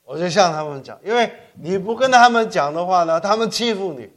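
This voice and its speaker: Older man preaching an animated sermon. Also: high-pitched, a little fast. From Korea. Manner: animated storytelling with frequent self-corrections and code-switching to English. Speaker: pastor.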